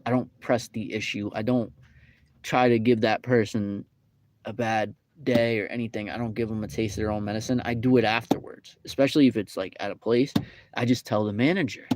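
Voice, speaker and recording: A man's voice: fairly low pitch, fairly even intonation, a little fast, a little mellow. A young man casually telling a rambling, indignant story with many fillers. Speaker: vlogger. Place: fast-food restaurant.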